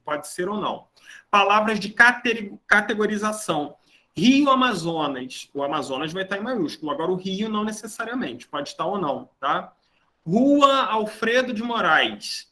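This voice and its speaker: Man, teacher, Brazilian accent, grammar lecture, high voice. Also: bright, forceful tone. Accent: Brazilian Portuguese. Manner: explanatory, checks in with the class often.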